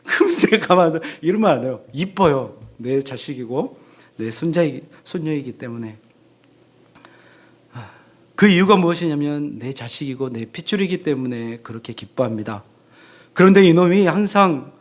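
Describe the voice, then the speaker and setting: A man preaching a Sunday sermon in a church, animated, acting out the voices of parents he quotes. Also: on the high side. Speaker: pastor. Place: church sanctuary.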